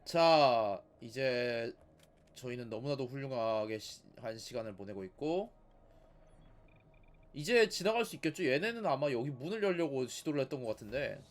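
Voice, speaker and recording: A man's voice: mid-range voice, animated, normal speed. A man giving casual, sarcastic commentary as he plays a game, nagging and talking back at the characters. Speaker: gaming video host.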